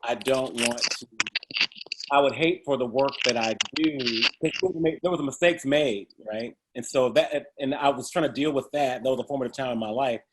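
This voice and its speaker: A man's voice: medium pitch, normal speed, very noisy. A middle-aged man telling stories about his life in a casual interview, humorous and often laughing as he talks. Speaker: interview guest. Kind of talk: storytelling in a casual conversation.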